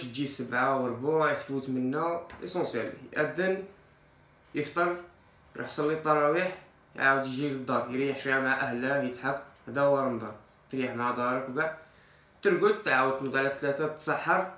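Standing in a small indoor kitchen with tiled surfaces, a man in his twenties offers informal fitness tips to camera, slipping French loanwords into his Algerian Arabic-accented speech. The fitness vlogger's mid-range voice is a bit bright and echoes off the tiles.

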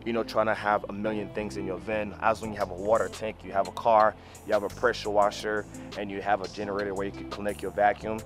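Casting: man, thirties, lowish voice, explanatory vlogger talking directly to viewers outdoors, repeats himself, music behind. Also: flat delivery, fast, few pauses. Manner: repetitive, explanatory, addresses viewers directly as "you guys". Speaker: mobile car detailer and video host. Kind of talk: casual instructional vlog talking to camera. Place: outdoors on an open rooftop parking lot beside a van. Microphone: camera mic, mostly handheld at arm's length.

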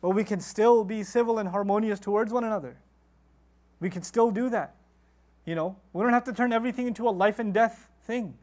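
Animated middle-aged man teaching Quran commentary. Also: high-pitched, fairly quick. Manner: animated, asks rhetorical questions.

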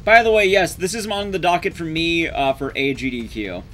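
With faint music in the background, a thirty-something man streams from a small room at home, chatting with his audience and cracking jokes over live game commentary as a streamer and speedrunner. His voice is a little high and a bit bright, his speed normal, and his casual manner includes mild swearing.

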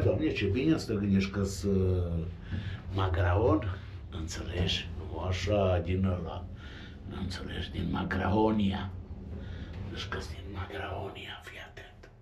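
A man's voice: low-pitched, roomy sound, highs cut off, noisy background. A man, rambling colloquially as he talks straight to his viewers in a casual vlog. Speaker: vlogger.

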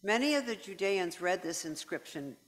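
Casual: even steady church reader, big hall echo. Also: mid-range voice, moderate pace. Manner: steady, even reading aloud. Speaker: narrator of the Passion reading. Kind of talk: liturgical scripture reading. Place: large church. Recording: church with long reverb.

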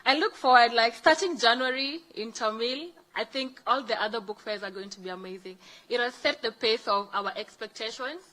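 A woman's voice: on the high side, moderate pace, hardly any pauses, sharp tone, rough recording. A woman with a Kenyan accent gives a formal thank-you speech as a guest, with emphatic, repeated phrasing. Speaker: guest speaker, book fair fellow.

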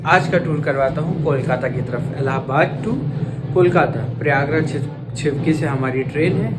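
With a fairly high voice at normal speed, a young man from Prayagraj, India, chats through a casual travel vlog, calling viewers guys and brother. He holds his phone at arm's length while passing through a train station, taxi, hotel room and city streets. Heavy crowd and street noise comes through on the phone's mic.

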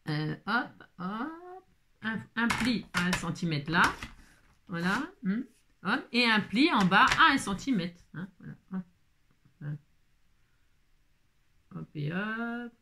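A woman in a homey crafting tutorial, chatting away as she works with a bright, ringing tone. Her pitch sits a little high and leaps around a lot as she exclaims, muses and improvises aloud. A faint hiss sits under the voice. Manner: chatty and animated, peppered with "hein" and exclamations; talks to herself while working, improvising aloud. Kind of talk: casual card-making tutorial.

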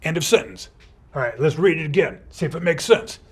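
Husky guy hosting a kids grammar lesson, goofy superhero bit, voice a bit high. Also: lively intonation, a little fast. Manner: playful, upbeat superhero persona. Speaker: teacher playing a comma superhero. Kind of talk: educational video for kids.

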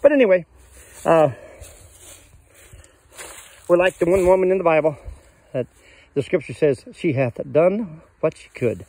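An older man rambles folksily through a casual tour of his cabin in the woods, using many fillers and recording on a handheld phone. His mellow voice is slightly high with lively intonation, and he talks a little slowly, leaving long pauses.

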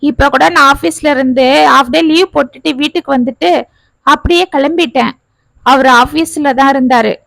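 A young working wife, tearful and confessional, as a woman storyteller voices her. The voice sits high and is captured dry and close, like an audio storybook. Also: moderate pace, gravelly, fairly bright tone, no room sound. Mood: apologetic. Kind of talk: storytelling narration.

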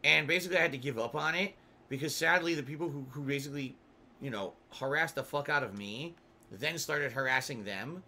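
Live gameplay commentary comes from a thirties-aged man on a headset mic in a small room, frustrated, ranting and cursing. His mid-range voice moves fairly quickly, with slight background noise and loud game audio.

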